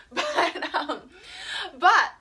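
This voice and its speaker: A woman's voice: extremely high pitch, very animated, extremely slow, bright, forceful tone. A woman teaching a live online yoga class for children, playful and encouraging, sometimes breaking into sing-song chants.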